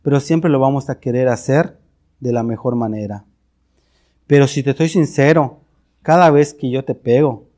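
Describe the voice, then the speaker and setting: Earnest Mexican pastor preaching. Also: male voice, mid-range voice, mellow. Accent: Mexican Spanish. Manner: earnest, confessional, with repeated words and restarts. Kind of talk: sermon.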